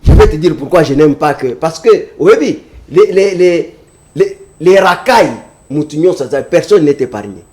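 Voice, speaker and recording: Man, high voice, emphatic, repeats himself, heated panel debate. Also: expressive, moderate pace, a little mellow. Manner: emphatic, repetitive, switches between French and Lingala.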